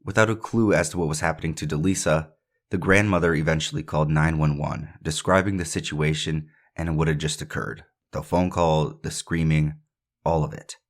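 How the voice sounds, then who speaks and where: A man with an extremely deep, low voice narrates a true crime podcast. He moves between reading the case facts and blunt, opinionated asides in a casual tone. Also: steady tone, normal speed.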